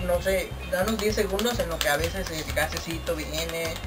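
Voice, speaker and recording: Excitable Mexican man, distant over music. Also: fairly high pitch, moderate pace. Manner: slangy, profane, repeats phrases excitedly. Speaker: challenge host and contestant. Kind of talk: casual, joking chat among friends. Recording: distant mic, clear music behind.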